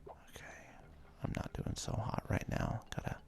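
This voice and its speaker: A gaming video host whispers ASMR commentary while he plays, speaking haltingly and hesitantly and tossing in casual asides. His voice comes across a little mellow.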